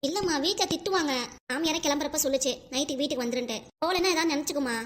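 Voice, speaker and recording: Cartoon young wife, high and rapid, hesitant and worried, voiced by a woman. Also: natural voice. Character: young married daughter, anxious about in-laws. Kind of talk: cartoon voice acting.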